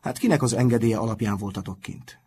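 A man's voice: lowish voice, a little mellow, slightly rough. A man doing a stern schoolmaster. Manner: strict, measured. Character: stern, calm middle-aged male schoolmaster.

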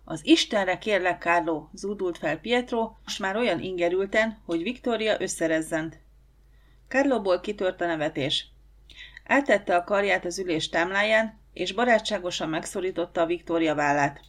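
A woman reads a novel aloud in calm, measured narration. Her voice sits a little low for a woman, with an even storytelling pace. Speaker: audiobook narrator. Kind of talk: scripted narration.

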